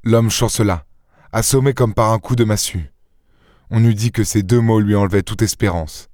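A man narrating an audiobook with measured, clear storytelling. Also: lowish voice, a little mellow, dry recording, studio quality.

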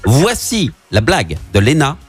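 A man's voice: mid-range voice, wildly swooping pitch, a little slow, breathy edge, faint music behind. A man hosting a morning radio show in a studio, joking and playful, with some hesitant restarts. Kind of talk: lively morning radio chat. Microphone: studio microphone.

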